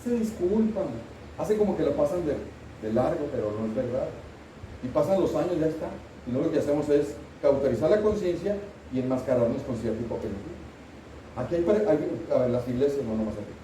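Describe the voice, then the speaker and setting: Middle-aged pastor preaching, kinda high but really dark mellow tone, echoey church from a bit far off. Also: male voice, expressive, fairly quick, slight background noise. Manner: earnest, asks the congregation questions. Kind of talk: sermon. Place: church sanctuary.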